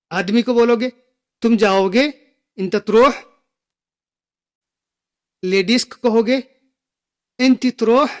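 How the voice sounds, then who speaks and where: Man, language teacher, high-pitched voice, unhurried delivery, repeats phrases for learners. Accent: Gulf Arabic phrases within Hindi speech. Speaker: Arabic teacher. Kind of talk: slow spoken language lesson.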